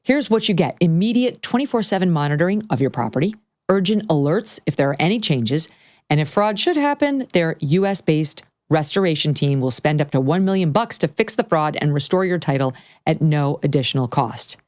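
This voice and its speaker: A woman hosting an interview show, reading ads and asking brisk, direct questions. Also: deep voice, animated, a little mellow, dry recording, studio quality. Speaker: host.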